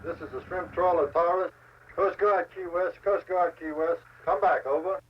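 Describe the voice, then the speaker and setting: A fairly high male voice coming through a marine radio, clipped and formal as he calls in his report. It sounds far from the mic, dull and lo-fi, with a faint hiss of noise under it. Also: moderate pace. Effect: marine radio transmission. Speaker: shrimp trawler captain. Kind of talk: scripted radio call in a documentary.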